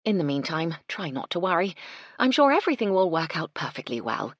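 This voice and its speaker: Narrator doing a calm polite hotel lady, husky low voice, storybook. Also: brisk, dry recording, highs cut off. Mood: composed.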